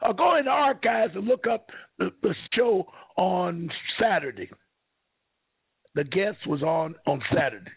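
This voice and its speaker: A man hosting a call-in radio talk show, fiery and preachy, swinging between shouting and low asides. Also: animated, measured pace, breathy edge. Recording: tinny phone-line radio sound.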